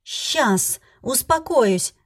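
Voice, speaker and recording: A woman voicing a furious, indignant young heroine with a shrill, shouting delivery. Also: moderate pace, natural voice.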